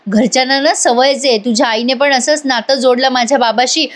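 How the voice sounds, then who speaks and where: A woman's voice: high voice, fairly even intonation, brisk, natural voice. Woman voicing a spiteful, taunting young woman. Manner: taunting, scornful.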